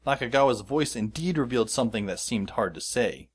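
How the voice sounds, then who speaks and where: This is scripted first-person narration from the narrator and lead actor of a fan audio drama, a man voicing a wry, exasperated teenage schoolboy who tells his story sardonically and dryly. His mid-range voice has lively intonation and a fairly quick pace. The performance is lightly acted, with slight background noise.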